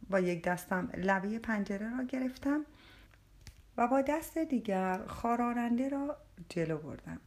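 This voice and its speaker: A woman's voice: fairly high pitch, lively intonation, a little mellow. A woman narrating an audiobook in the first person, telling the story expressively.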